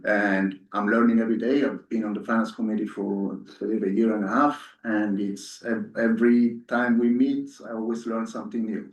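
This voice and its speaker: A man born in Ethiopia and raised in Italy, a candidate giving an earnest, hesitant speech full of fillers at a community meeting. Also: lowish voice. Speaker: board candidate. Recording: echoey room, voice from far off.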